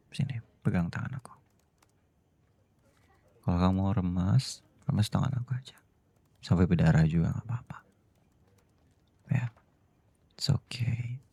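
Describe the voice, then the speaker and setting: Guy voicing a strict boss hubby, whispered role-play, low husky voice, dark tone. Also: no echo, full character voice. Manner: cold and scolding, then soft and pleading. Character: stern boss who is a doting husband. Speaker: voice actor.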